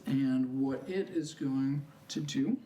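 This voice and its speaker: A man's voice: medium pitch, slow, background noise. Man game master on a roomy, distant mic. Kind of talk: narrating a tabletop game.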